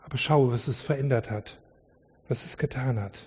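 A man's voice: medium pitch, normal speed, a little mellow, breathy edge. A man preaching a sermon to his congregation in an earnest, conversational way, often adding "ja". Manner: earnest, conversational with many "ja" fillers. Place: church hall. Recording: distant lo-fi hall recording.

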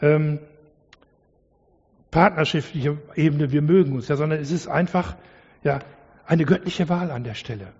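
A man's voice: on the high side, unhurried, long pauses, darkish tone, husky. A man preaching a sermon to his congregation in an earnest, conversational way, often adding "ja". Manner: earnest, conversational with many "ja" fillers. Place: church hall. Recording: distant lo-fi hall recording.

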